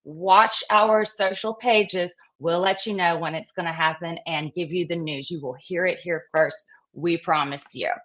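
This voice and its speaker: A woman's voice: fairly low pitch, steady tone, a little slow, few pauses, fairly bright tone. A woman hosting a live stream, upbeat and welcoming as she greets viewers and guests. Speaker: host.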